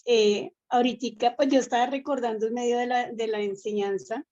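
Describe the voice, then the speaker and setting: A woman's voice: a little high, fairly even intonation, a little fast, darkish tone, lo-fi sound. A woman from the congregation giving a casual testimony, chatty and laughing between thoughts. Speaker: congregation member. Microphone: online meeting.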